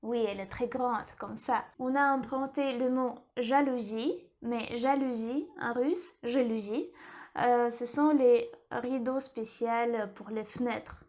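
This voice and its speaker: A woman teaching a lesson in French, repeating each word slowly and carefully. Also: on the high side, steady tone, darkish tone. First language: Russian. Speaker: language teacher.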